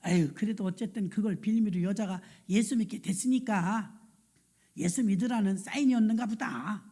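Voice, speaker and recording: A middle-aged woman pastor telling a lively story in a sermon, acting out the people she quotes. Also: medium pitch, moderate pace. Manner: lively anecdotal storytelling, acts out quoted voices.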